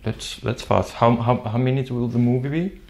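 A man's voice: mid-range voice, fairly even intonation, moderate pace, darkish tone. A man hosting an interview in English, asking questions in a curious, searching way and repeating words as he thinks. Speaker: podcast host. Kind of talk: casual interview chat.

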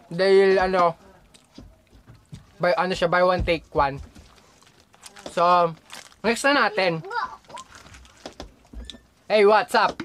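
A woman's voice: on the low side, slow, long pauses, fairly bright tone, a little hiss or hum. A woman with a Filipino accent, talking with her mouth full and chewing as she reviews food casually for viewers, chatting to them as "guys" in a hot room with electric fans. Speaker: mukbang vlogger.

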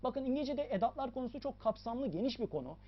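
An English teacher, a woman, explains a lesson quickly in a lively, sing-song way, her voice slightly rough. Her pitch rises and falls a lot as she stresses and repeats key points, and the recording is a little dull and lo-fi.

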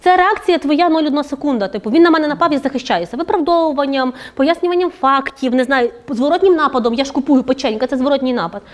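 A woman speaker giving a lively conversational lecture at a workshop, often checking in with her audience through tag questions. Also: high voice, fast, hardly any pauses. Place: office event room.

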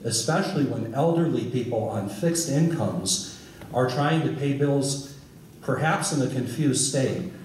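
A man's voice: mid-range voice, animated, measured pace, darkish tone. A middle-aged man at a public hearing, speaking at a podium mic and asking pointed rhetorical questions. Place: large hall with wooden stage. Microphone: podium mic on a stand. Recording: echoey hall from far off, noisy.

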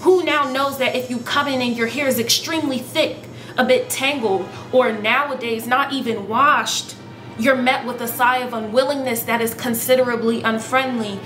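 With soft music in the background and an echoey room, a hair vlogger in her thirties sits on her sofa facing the camera, head and shoulders in frame. Her fairly high, bright voice holds a steady tone at a moderate pace as she performs sassy, rhythmic spoken word full of rhetorical questions.

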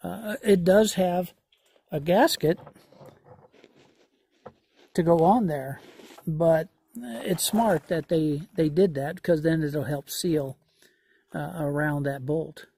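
A man doing a hands-on repair walkthrough outdoors, talking slowly and folksily with many fillers as he thinks aloud. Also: fairly high pitch, creaky, warm tone, husky. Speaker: homesteader vlogger. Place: outdoors in a yard.

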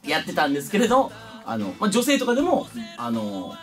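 A young man from Kumamoto hosting a casual chat show in a playful, lively way. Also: fairly high pitch, brisk, soft background music. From Kumamoto, Japan. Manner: lively, playful, drifts into jokey Kansai dialect. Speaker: host.

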